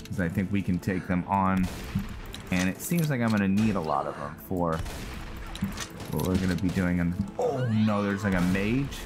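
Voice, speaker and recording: A man plays a game and comments on it in a low voice at a moderate pace, with game music in the background. His let's play talk is easygoing, thinking aloud with mild exclamations.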